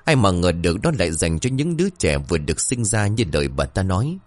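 A man reading a horror story aloud as scripted narration, in a dramatic, expressive way. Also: low voice, quick pace, no room sound. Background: faint music.

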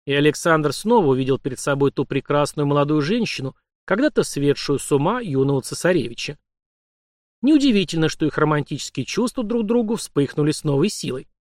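A man reading an audiobook with ironic, lively storytelling. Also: fairly high pitch, brisk, no echo, studio quality. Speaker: audiobook narrator. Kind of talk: scripted narration.

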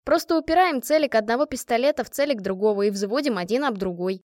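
A woman's voice: a little high, quick pace, a little mellow, no echo, studio quality, lightly acted. Woman voicing a blunt, cocky young assassin. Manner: blunt, slangy.

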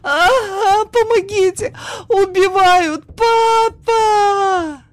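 A woman's voice: very animated, normal speed, dry recording, natural voice. A woman voicing a spiteful young stepsister who mocks and jeers in a raised, sneering voice. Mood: shrieking. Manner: sneering, jeering, shrill screaming.

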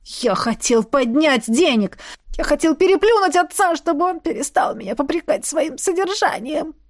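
A woman's voice: a little high, sing-song, normal speed. Nervous scheming younger brother, read by a woman: stammering, defensive, whiny. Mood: defensive, whining.

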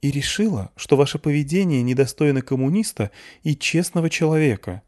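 A man voicing a young Soviet woman who speaks quietly and resolutely. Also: a little high, expressive, brisk, pitched above the performer's own voice, natural voice. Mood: quiet resolve. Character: young woman, Soviet lab worker, earnest.

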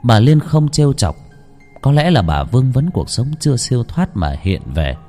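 A man narrating a village ghost story in a hushed, suspenseful storytelling manner. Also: medium pitch, big pitch swings, moderate pace, soft background music.

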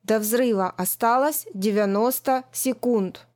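A woman voicing a calm, slow computer countdown voice. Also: a little high. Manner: calm, measured and unhurried, like a ship computer. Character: calm automated female countdown announcement voice.

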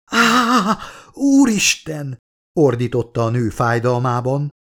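A man narrating his own book as an audiobook, with steady, measured storytelling. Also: medium pitch.

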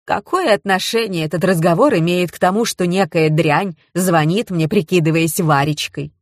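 A woman's voice: lowish voice, moderate pace, no room sound, studio quality, close to an everyday voice. A woman voicing a middle-aged widow who is tearful and indignant, read in an audiobook. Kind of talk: audiobook character reading.

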